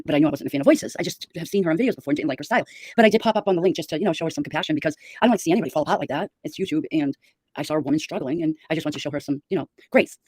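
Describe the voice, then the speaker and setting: Very fast-talking gossipy woman. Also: low-pitched, a little mellow, slightly rough, dry recording. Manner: rapid, gossipy, opinionated. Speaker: host of a gossip livestream. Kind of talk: casual gossip chat.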